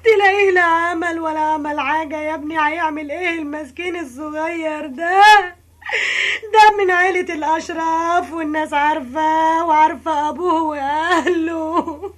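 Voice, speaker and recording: A woman's voice: very high voice, fairly even intonation, moderate pace. An actress with an Egyptian accent playing a brash, big-hearted drinks-shop woman in a radio drama, calling out like a street vendor. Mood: indignant, lamenting.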